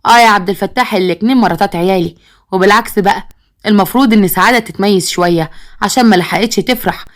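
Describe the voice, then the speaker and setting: Woman narrator reading an insistent Egyptian mother, rapid and firm. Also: mid-range voice, lightly acted. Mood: protesting. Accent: Egyptian Arabic. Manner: protesting, insistent. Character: wronged, outspoken Egyptian mother and wife.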